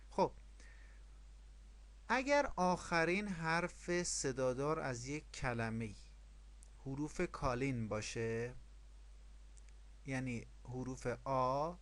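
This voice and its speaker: A man's voice: fairly high pitch, fairly bright tone. A man teaching a language lesson online, explaining rules step by step, repeating them and asking questions. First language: Persian.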